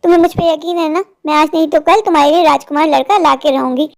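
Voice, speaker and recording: A woman voicing a worried, loving widowed mother of two daughters in a cartoon story, speaking quickly and pleadingly. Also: high-pitched, steady tone, vocal fry. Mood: stern.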